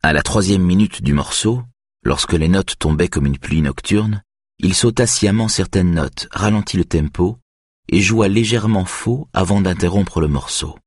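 Deep raspy guy reading a novel, slow and somber, super dry mic. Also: darkish tone, dry recording. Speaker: narrator. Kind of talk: audiobook narration.

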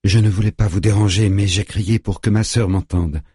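A man voicing a young woman, desperate and fierce, who shouts to protect her sister. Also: lowish voice, steady tone, normal speed, breathy edge, no room sound, studio quality. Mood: tense.

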